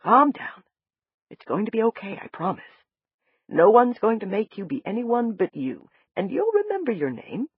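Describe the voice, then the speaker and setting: A woman voicing a calm male doctor who soothes a frightened patient, in an audiobook reading. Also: medium pitch, moderate pace, breathy edge, no room sound, phone-quality sound, pitched above the performer's own voice. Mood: soothing. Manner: soothing, reassuring. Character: calm, gentle male doctor, middle-aged.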